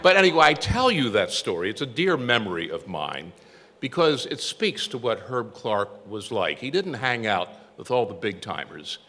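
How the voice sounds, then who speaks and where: Older male speaker at a tribute, wry anecdotal storyteller, forceful lowish voice, reverberant hall sound. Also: sing-song, moderate pace. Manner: storytelling, self-deprecating humor. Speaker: tribute speaker, former newsroom copy boy. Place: event hall. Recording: echoey hall with long reverb.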